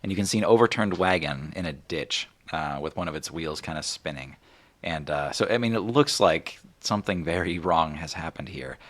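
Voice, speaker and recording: Game master, male, low and bright, relaxed chatty narration with lots of ums. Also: moderate pace. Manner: casual, many fillers.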